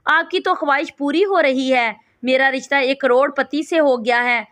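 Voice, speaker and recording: A woman's voice: high-pitched, fairly bright tone, no room sound. A woman voicing a spirited young bride in a storybook, with a pleading, insistent reading.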